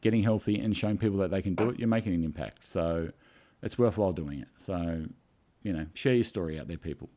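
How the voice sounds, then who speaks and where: A man's voice: low-pitched, fast talker, warm tone. A man telling a story in a casual video chat, emotional and rambling, tearing up. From Australia. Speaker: co-host.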